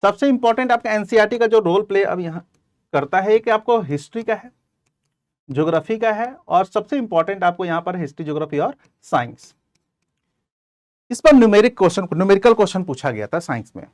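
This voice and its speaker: A man's voice: high voice, lively intonation, a little fast, no room sound, studio quality. A man teaching as an exam coaching teacher, giving direct, conversational advice to his students in an informal lecture.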